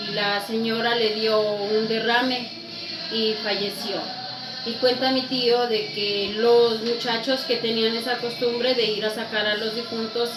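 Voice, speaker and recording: A middle-aged woman telling a folk tale for a class assignment. She speaks unhurriedly and pauses often on "eh". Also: a little high, recorded from a distance. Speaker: storyteller presenting a class assignment. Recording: echoey room, voice away from the mic, music behind.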